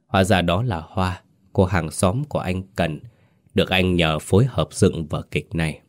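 A man narrating a horror story in a steady, dramatic way. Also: low voice, moderate pace.

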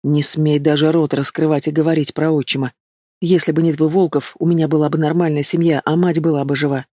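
Холодный, презрительный молодой бандит, которого озвучивает мужчина, аудиокнига. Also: male voice, fairly high pitch, little pitch movement, a little fast, darkish tone, dry recording, clean studio sound, lightly acted. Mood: cold scorn. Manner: cold, contemptuous. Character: bitter young male henchman, cold and scornful.

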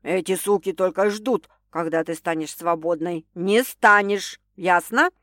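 A woman's voice: lowish voice, a little slow, a bit bright, no echo, studio quality. Woman putting on a growling possessive boss. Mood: menacing possessive. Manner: growling, snapping, hissing threats. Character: domineering possessive drunk male boss.

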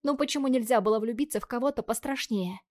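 A woman's voice: fairly high pitch, fast talker, a little mellow, dry recording. Young woman narrator, wry first-person read, dry booth sound, close mic. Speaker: audiobook narrator.

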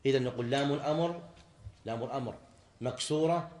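A man's voice: medium pitch, quick pace, a little mellow, echoey room. A man teaching a religious lesson, explaining grammar point by point, repeating key words and asking his students questions. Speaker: sheikh teaching a class.

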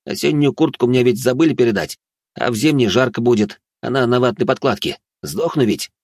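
A man's voice: mid-range voice, a little fast, a little mellow, no echo, clean studio sound, pitched above the performer's own voice, natural voice. A man reading an audiobook, voicing a tired young man who grumbles. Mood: grumbling.

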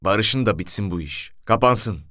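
A man voicing a stern, loud police commissioner who barks orders. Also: on the low side, expressive, a little slow, dry recording, studio quality. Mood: curt, commanding. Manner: barking orders, shouting.

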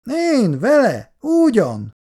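A reader voicing a proud, touchy young woman who speaks in sharp, indignant lines in a storybook reading. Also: very deep voice, big pitch swings, voice pushed up, heavily acted. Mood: curt.

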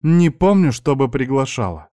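A man reading an audiobook, voicing a young blonde woman who snaps and shouts at her uncle. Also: medium pitch, big pitch swings, moderate pace, no room sound, studio quality, pitched above the performer's own voice, close to an everyday voice. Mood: angry. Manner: raised, snapping and shouting delivery. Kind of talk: audiobook character voice.

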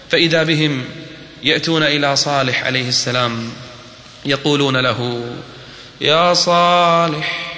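A middle-aged man preaching in a large hall. He chants scripture in a drawn-out melodic line, then presses his listeners with repeated rhetorical questions. His voice is bright and forceful, and a long hall echo follows every phrase. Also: mid-range voice, a little hiss or hum. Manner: chants scripture verses in a slow melodic recitation; speaks in rhetorical questions and repetition. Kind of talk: sermon retelling a prophet's story. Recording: reverberant hall recording.

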